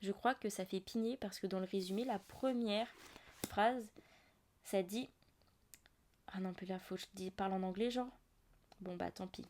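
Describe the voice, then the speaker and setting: A woman's voice: medium pitch, normal speed, pauses often, a little mellow. Chatty young French woman talking books. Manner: chatty, many fillers and asides. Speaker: book podcast host. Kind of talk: casual book chat. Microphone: audio-only podcast mic.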